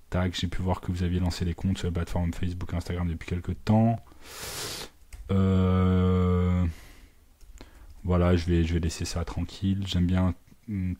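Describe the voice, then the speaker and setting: Low, flat-voiced man narrating his screen. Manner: thinks aloud with many fillers and sound words; mixes English business words into French. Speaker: digital marketing agency owner. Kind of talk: live screen walkthrough, casual.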